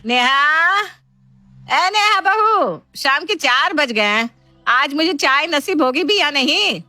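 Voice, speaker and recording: A woman voicing an older mother-in-law in an animated family story, slow and grumbling. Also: medium pitch, dry recording, soft background music, close to an everyday voice. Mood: calling.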